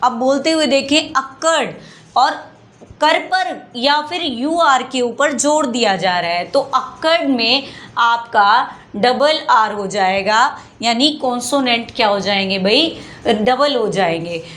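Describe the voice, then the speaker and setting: Slow, patient woman teaching. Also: fairly high pitch, expressive, a bit bright. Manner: slow and patient, repeats words and asks rhetorical questions. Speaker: English teacher. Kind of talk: classroom lesson explaining spelling rules.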